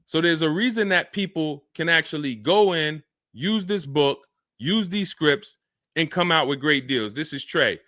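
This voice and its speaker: A man hosting a live car-buying Q&A stream, talking fast and energetic and acting out buyers and salesmen in quick asides. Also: on the high side, no room sound, studio quality. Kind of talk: live-stream Q&A, casual and animated.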